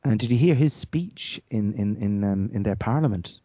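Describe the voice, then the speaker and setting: A man's voice: on the low side, lively intonation, normal speed, warm tone, breathy edge, no echo. A man hosting a radio talk show, speaking hesitantly, with many fillers and restarts. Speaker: host. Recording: dull lo-fi audio.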